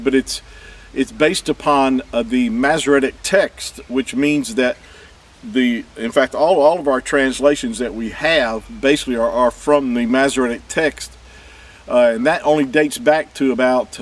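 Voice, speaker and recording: A man at an ordinary mid pitch gives an evening Bible teaching, explaining Hebrew word roots methodically. He points at letters on screen as he goes and drives his points home by repeating them. The mic sits some distance away, so his voice comes across remote. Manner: stresses points with repetition. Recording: voice picked up from a distance.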